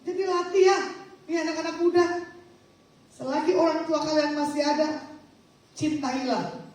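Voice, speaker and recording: High-voiced woman pastor in echoey hall. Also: normal speed. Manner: animated, coaxing, teasing the congregation. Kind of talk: sermon and prayer ministry. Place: church hall. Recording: echoey hall from far off, faint noise.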